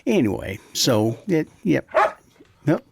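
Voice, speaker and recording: A man's voice: mid-range voice, big pitch swings, takes it slowly, gravelly, breathy edge, no room sound. A male radio host with a Texan accent chats casually, mumbling loosely as though his mouth is numb. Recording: music behind the voice.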